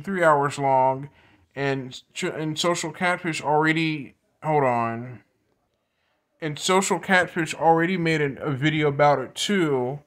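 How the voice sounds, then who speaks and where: Higher-voiced man giving halting casual commentary. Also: fairly bright tone. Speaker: vlogger commenting on scam news. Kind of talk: casual commentary, partly reading a news report aloud.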